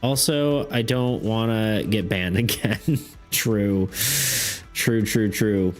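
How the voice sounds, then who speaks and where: Speaking slowly in a lowish voice, this young streamer rambles about art and game design with plenty of fillers and laughter. He says he's losing his voice during the casual chat, and faint background music can be heard.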